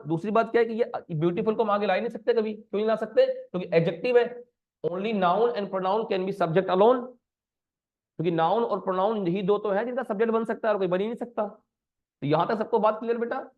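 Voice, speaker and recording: एक पुरुष शिक्षक ऑनलाइन व्याकरण कक्षा पढ़ा रहे हैं, बीच बीच में अंग्रेज़ी शब्द बोलते हुए और छात्रों से बार बार सवाल पूछते हुए।. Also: male voice, high-pitched. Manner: coaxing students with repeated questions; mixes Hindi with English terms. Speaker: grammar teacher. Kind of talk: live online grammar lesson. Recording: dull lo-fi sound.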